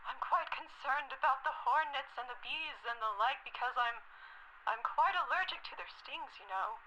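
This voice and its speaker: Game caller: genteel, anxious old lady, high and bright, phone line with faint hiss. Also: normal speed. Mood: genteel worry. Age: young adult. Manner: put-on old person voice, genteel and fretful. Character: polite, worried elderly woman caller, hard of hearing. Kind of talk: scripted phone-call voice acting in a game. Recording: telephone call with faint noise.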